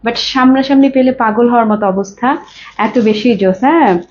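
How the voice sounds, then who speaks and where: A woman with a Bangladeshi Bengali accent sells saris in an effusive live stream, her voice slightly hoarse. She talks a little higher than most women. The sound is dull and lo-fi, with faint background noise. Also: normal speed, a little mellow. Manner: effusive, mixes English phrases. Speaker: live-stream saree seller. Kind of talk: live sales pitch. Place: clothing showroom.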